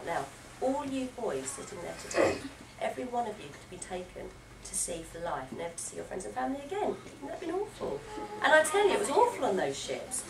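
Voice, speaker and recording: A woman, a children's author giving a playful library talk to schoolchildren, quizzing and praising them as she goes. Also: medium pitch. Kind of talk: lively talk to a room of schoolchildren. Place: library event room. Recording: echoey, distant and noisy room recording.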